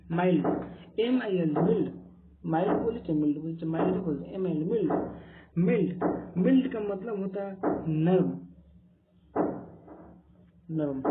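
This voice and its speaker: Male English tutor, drills words by repetition, phone-like lo-fi sound, light hiss. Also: high voice. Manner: drills each word by repeating it many times. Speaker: spoken English teacher. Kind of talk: Hindi-medium vocabulary lesson. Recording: tinny phone-like lo-fi audio with faint hiss.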